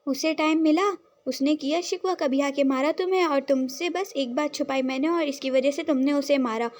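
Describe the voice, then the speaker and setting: A woman's voice: sits high, normal speed, darkish tone, close to an everyday voice. A woman voicing a fiery, blunt young woman who scolds and demands answers, in a storybook role reading. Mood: scolding.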